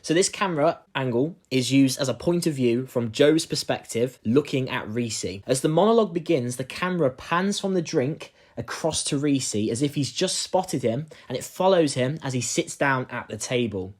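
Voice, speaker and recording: A man's voice: mid-range voice, animated, normal speed, few pauses. A young man, a drama student, earnestly explaining his own acting performance with frequent "um"s and "sort of"s. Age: young adult.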